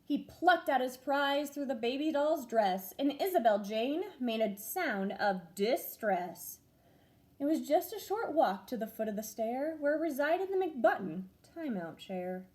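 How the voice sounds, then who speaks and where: Reading a rhyming picture book at an unhurried pace, a young woman who teaches first grade uses her high voice for lively, sing-song storytelling.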